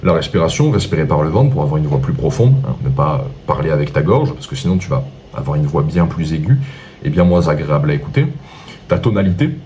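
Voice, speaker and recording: Deep, dark-voiced man coaching. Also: expressive, fast, slight background noise. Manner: didactic, lists points with rhetorical questions. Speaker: dating coach. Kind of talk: instructional monologue.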